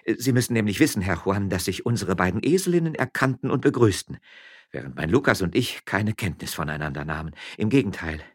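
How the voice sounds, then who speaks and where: A man's voice: low voice, lively intonation, brisk, slightly rough. A man voicing a proud, fiery young miller's wife who speaks firmly and indignantly. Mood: urgent.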